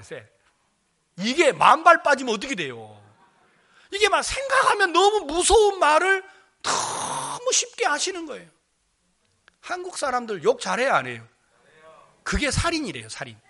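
A pastor from Jeolla preaching to a congregation, telling stories with animated acted-out dialogue and asking the listeners questions. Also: male voice, extremely high pitch, normal speed. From Jeolla, South Korea. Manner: animated storytelling, acting out quoted speech, questioning the congregation. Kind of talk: sermon.

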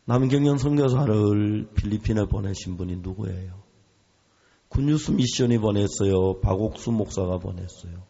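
A man's voice: fairly low pitch, moderate pace, warm tone, slightly rough. A male pastor preaching a sermon, telling a story with animation and acting out the voices of the people in it. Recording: reverberant hall, dull lo-fi sound.

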